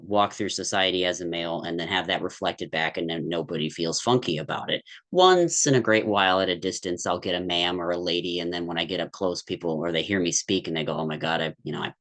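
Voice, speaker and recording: Appearing as a podcast guest, a man with a low-pitched, fairly bright voice talks candidly in conversation. He's thoughtful and rambling, with many restarts and fillers.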